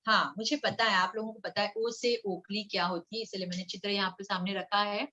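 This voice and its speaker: A woman teaching Hindi to young children in a coaxing, sing-song way, sounding out syllables slowly. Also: mid-range voice, steady tone, sharp tone. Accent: Mumbai Hindi. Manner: slow syllable-by-syllable reading for repetition. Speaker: primary school Hindi teacher. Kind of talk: online children's lesson with slides.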